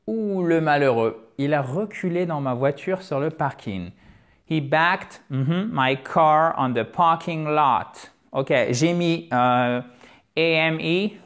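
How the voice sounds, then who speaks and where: Man, English teacher, chatty online lesson, fairly high voice. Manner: lively, chatty, with asides to viewers.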